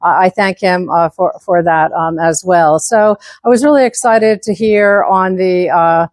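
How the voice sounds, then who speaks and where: Speaking a little slowly in a lowish, slightly mellow voice, a woman in her 70s presents a club conference talk as a section manager. She sounds like the former teacher she is, walks around while talking, and is full of filler words and restarts. Her voice is recorded dry and close, with no echo.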